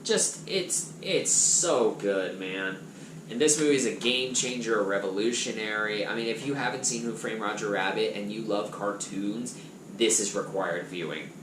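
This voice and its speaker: Guy rambling excitedly about movies he loves, roomy echo, noise behind him. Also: on the low side, moderate pace. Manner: enthusiastic, animated swings in loudness. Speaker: vlogger reviewing his movie collection. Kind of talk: casual chat. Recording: echoey room with background noise.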